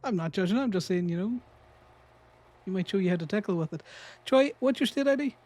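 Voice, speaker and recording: A man's voice: high-pitched, expressive, brisk, darkish tone. A man with an Irish accent, teasing friends in casual gaming chat. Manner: teasing, joking banter.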